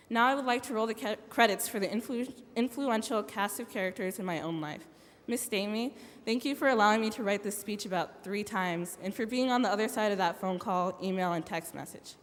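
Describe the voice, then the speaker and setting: A young woman in her late teens giving a graduation speech in a large arena, playful and full of joking asides. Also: medium pitch. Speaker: graduation speaker. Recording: long echo of a big arena.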